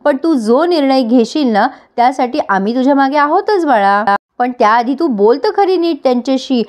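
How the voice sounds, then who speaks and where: A woman voicing a calm, supportive middle-aged father who reassures his daughter. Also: high voice, moderate pace. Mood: reassuring.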